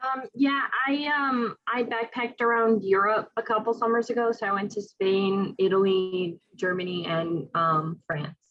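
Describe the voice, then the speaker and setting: Woman student, even monotone, hesitant answer, muffled call audio. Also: mid-range voice, measured pace, few pauses. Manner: hesitant, list-like. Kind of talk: casual answer in class.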